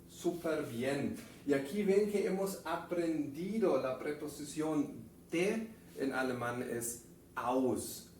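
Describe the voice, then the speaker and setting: A man teaching a German class, saying example phrases slowly and clearly for students to repeat. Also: a little high, darkish tone, distant mic, slight background noise. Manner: slow, deliberate enunciation of example phrases. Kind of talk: classroom lesson, drilling phrases aloud. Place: classroom with a whiteboard. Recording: echoey room, voice off-mic.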